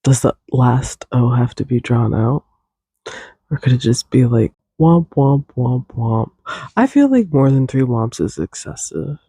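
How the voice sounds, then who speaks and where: A young man hosts a solo podcast in a mid-range, expressive voice that is creaky, warm, and slightly rough, at a measured pace with no echo. He rambles casually, sounds a little congested, drifts off on tangents, and hums and sings tunes.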